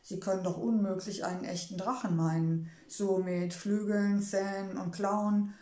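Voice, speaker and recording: Storybook princess girl, read by a woman: spirited, sarcastic, heated, higher voice, echoey room. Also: fairly even intonation, a little slow, mellow, natural voice. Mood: indignant. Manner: agitated, sarcastic, exclaiming. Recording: roomy echo.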